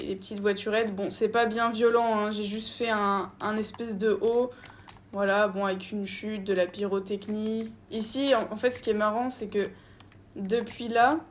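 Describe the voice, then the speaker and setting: A woman's voice: fairly high pitch, slight background noise. A woman giving casual, chatty gameplay commentary while touring her park, talking straight to her viewers. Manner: chatty, easygoing, talks to viewers directly.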